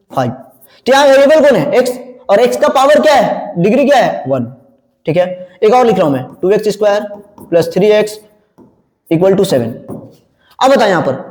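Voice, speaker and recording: A male math teacher with a high, sing-song voice that leaps up and down as he quizzes his class. He keeps asking a question and supplying the answer himself. The sound is roomy, with a long reverb trailing after his words. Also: darkish tone. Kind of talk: classroom lecture. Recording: echoey room with long reverb.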